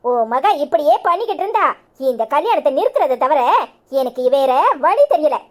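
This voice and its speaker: A woman's voice: high-pitched, sing-song, moderate pace. A woman doing a scornful village mother-in-law. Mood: stern. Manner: sharp, scornful, threatening. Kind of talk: cartoon voice acting.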